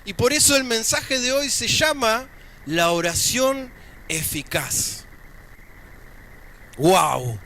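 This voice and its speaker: A man's voice: very high voice, expressive, slow, long pauses, bright, forceful tone, slight background noise. A man with an Argentine accent preaching a sermon at a church service, talking in a conversational way with joking asides between scripture readings. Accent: Argentine Spanish.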